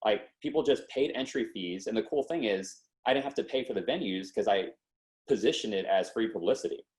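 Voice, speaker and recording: Through a low-quality recording comes a lowish, brisk voice belonging to a twenty-something podcast guest. He tells his story in a lively, slangy way, acting out what people said.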